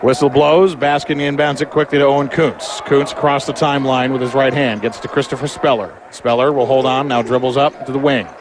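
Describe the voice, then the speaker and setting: A man's voice: mid-range voice, fairly even intonation, a little fast, hardly any pauses. A man giving live play-by-play commentary on a basketball game. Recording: clear background noise of the game.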